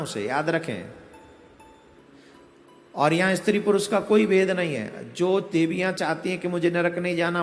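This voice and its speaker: A man preaching a devotional discourse, giving slow, step-by-step instruction. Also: high-pitched, gravelly. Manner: slow, instructive, chants a Sanskrit verse in a sing-song. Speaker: spiritual preacher. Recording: echoey hall with faint music behind.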